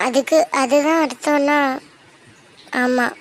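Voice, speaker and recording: Lady doing a cold young woman in a cartoon, short clipped replies, high voice. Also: steady tone, slow pace, very noisy. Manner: curt, dismissive. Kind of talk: cartoon voice acting.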